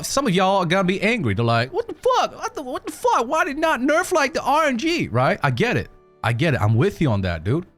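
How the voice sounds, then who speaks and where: A man streaming a casual breakdown of game news, his pitch swinging up and down as he talks. He swears freely and keeps tossing in "dude" and "okay?". Faint music plays underneath. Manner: animated and profane, peppers with "okay?" and "dude".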